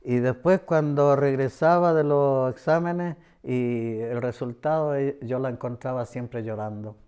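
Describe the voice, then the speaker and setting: A man's voice: mid-range voice, steady tone, darkish tone, smooth. Earnest Chilean man giving testimony. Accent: Chilean Spanish. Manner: earnest, repetitive, pauses often with "eh". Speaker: church member giving testimony. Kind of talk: personal religious testimony.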